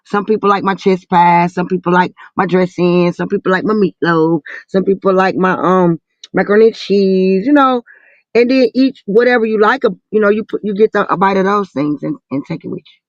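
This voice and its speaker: On a muffled, band-limited group voice call, a woman in her forties from the American South talks in a Southern drawl, loose with slang, swearing and teasing. Her mid-range voice moves a little fast, with no room sound.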